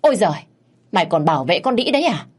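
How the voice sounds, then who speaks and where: Woman doing a shrill spiteful old mother-in-law. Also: animated, moderate pace, darkish tone, husky. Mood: wailing. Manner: shrill, wailing, scolding.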